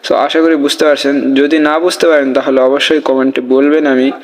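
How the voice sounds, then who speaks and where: A young man, teaching Quran reading. He spells out each letter slowly, then recites with long, stretched vowels, and explains the rules in a casual, chatty way. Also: medium pitch, level tone, poor audio.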